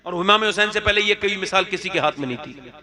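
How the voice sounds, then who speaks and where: A man preaching an impassioned religious sermon at a gathering, rising to shouts and calling on the listeners to respond. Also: high voice, quick pace. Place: religious gathering before a crowd. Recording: live gathering with crowd behind.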